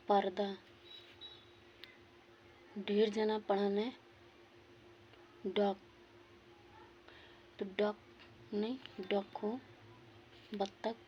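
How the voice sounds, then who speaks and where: A woman's voice: medium pitch, vocal fry, highs cut off, slight background noise. A woman teaching English pronunciation, drilling words one by one, repeating each and giving its meaning. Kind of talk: spoken lesson on pronunciation.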